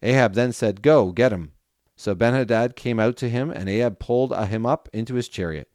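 A man reading scripture aloud at a steady, measured pace. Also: mid-range voice, no echo, clean studio sound. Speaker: scripture reader.

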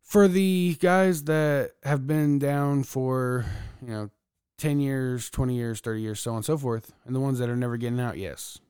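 A man's voice: medium pitch, fairly even intonation, moderate pace, darkish tone, clean tone, no room sound, clean studio sound. A man working as a corrections officer, a podcast guest telling blunt, profane stories in casual chat.

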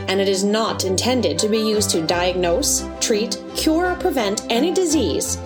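A woman reads a scripted podcast outro and informational disclaimer in a formal announcer manner. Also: mid-range voice. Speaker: podcast co-host.

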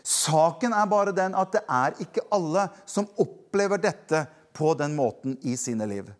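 Guy preaching casual, kinda high voice, lots of restarts and filler words, talks right to people at home. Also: lively intonation. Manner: informal, searching for words with many restarts; directly addresses listeners at home. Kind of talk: conversational sermon.

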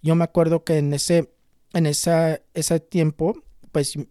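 A young man in his twenties speaks in a mellow, warm tone, telling a personal story to camera as a spiritual healer. He is earnest and unhurried, often circling back and repeating words. The recording is dry and close, with no room echo. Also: on the high side, level tone. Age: 20s. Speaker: tarot reader and spiritual healer.

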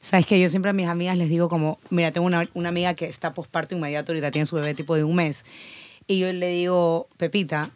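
A woman co-hosting a casual chat, explaining things quickly. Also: on the low side, steady tone, a little mellow.

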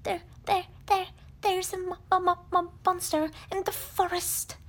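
A woman's voice: very high-pitched, little pitch movement, a little slow, fairly bright tone, voice pushed up. A woman voicing a small, timid piglet who stammers in panic. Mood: terrified. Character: small, timid, easily frightened male piglet.

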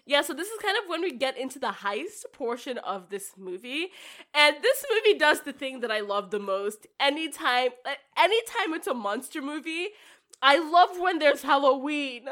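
A woman's voice: high voice, big pitch swings, moderate pace, a bit bright. A woman co-hosting a casual movie chat, talking in a chatty, giggly way with lots of fillers. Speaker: podcast co-host.

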